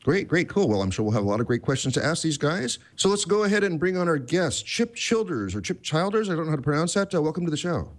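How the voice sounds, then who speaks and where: Fast-talking rambling male podcast host. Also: a little high, lively intonation. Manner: rambling, self-deprecating, many restarts. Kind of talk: casual tech podcast chat.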